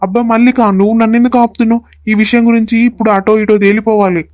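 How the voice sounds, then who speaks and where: A woman voicing a doting, quick-tempered young husband in a cartoon, coaxing. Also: a little high, fairly even intonation, a little mellow, no echo, studio quality, natural voice. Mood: angry. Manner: coaxing, calls his wife endearments.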